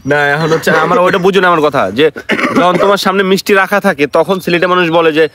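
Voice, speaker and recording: Fast-talking Bangladeshi man hosting a vlog. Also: high voice, steady tone, fairly bright tone, dry recording. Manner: teasing, quizzing, laughs often. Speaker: vlog host. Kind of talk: casual chat.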